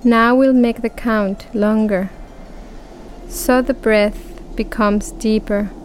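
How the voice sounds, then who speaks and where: A woman guiding a relaxation breathing exercise, speaking calmly and counting breaths aloud with long pauses. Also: a little high, a little hiss or hum, poor audio. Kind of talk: guided relaxation script.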